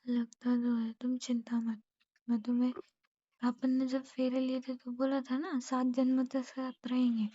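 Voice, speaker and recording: A young woman speaks softly on a phone call, her voice breathy and warm, a little high. She teases gently and often sinks almost to a whisper. The sound is dull and muffled, like a phone line. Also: monotone, moderate pace, no echo. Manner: soft-spoken, teasing, often near a whisper. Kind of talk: intimate phone conversation.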